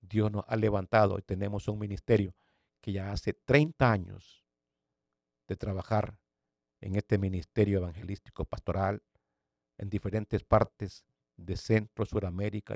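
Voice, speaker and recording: A man in his fifties, an evangelist pastor, giving a personal faith testimony with dramatic storytelling, repeating words and swinging from loud bursts to hushed near-whispers. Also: lowish voice, creaky, no room sound, clean studio sound.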